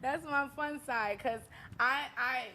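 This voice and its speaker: A woman with a Southern US accent, a singer being interviewed, talking in a relaxed, easygoing way and giggling often. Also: high-pitched, slow, very noisy. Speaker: singer guest. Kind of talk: casual interview chat.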